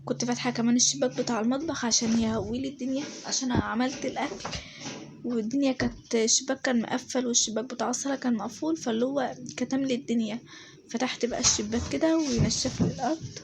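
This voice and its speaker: An Egyptian-accented home vlogger narrates her household routine in a voice-over, full of fillers and check-ins with her viewers. Her fairly high, gravelly voice moves rapid-fire with fairly even intonation and sounds slightly altered. Background noise is audible.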